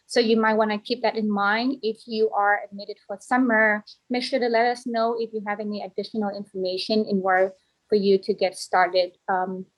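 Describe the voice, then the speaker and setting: On a rough recording, a woman speaks at medium pitch with a flat delivery. She's a student services specialist presenting an online information session on a video call, walking new students through enrollment steps in halting explanations with frequent restarts.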